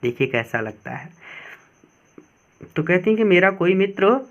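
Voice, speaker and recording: A man gives a line-by-line English lesson in a fairly high voice, taking his time over each phrase. He reads the text slowly and then explains it more quickly. The recording is a bit dull and lo-fi. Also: very animated. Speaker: teacher.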